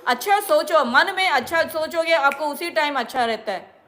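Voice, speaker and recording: High-voiced indignant woman lecturing. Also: animated, moderate pace, fairly bright tone. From India. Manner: indignant, lecturing, repeats herself. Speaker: vlogger. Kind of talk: scolding monologue to viewers.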